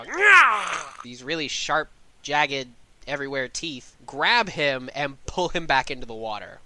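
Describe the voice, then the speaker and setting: Bright-voiced man running a tabletop game. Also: fairly high pitch. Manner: casual, laughs often, corrects himself mid-sentence. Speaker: game master.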